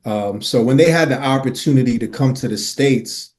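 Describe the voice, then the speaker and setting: A man's voice: mid-range voice, moderate pace, a little mellow. A man in his forties from Miami, a podcast guest telling his life story earnestly, with casual slang and many "uh"s and "right?"s. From Miami, Florida. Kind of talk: storytelling in an interview.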